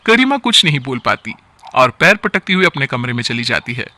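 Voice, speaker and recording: A man's voice: mid-range voice, big pitch swings, fairly quick, bright, forceful tone, no room sound. A man narrating a storybook tale in a plain storytelling manner.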